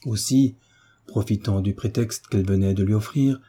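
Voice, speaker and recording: A man narrating a classic novel as an audiobook in a measured, even storytelling manner. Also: lowish voice, breathy edge.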